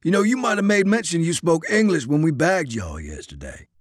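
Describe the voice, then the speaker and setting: A man's voice: big pitch swings, brisk, no room sound, studio quality. A man voicing a brash Southern American soldier with a sarcastic drawl. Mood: scornful. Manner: sarcastic drawl, loud and high.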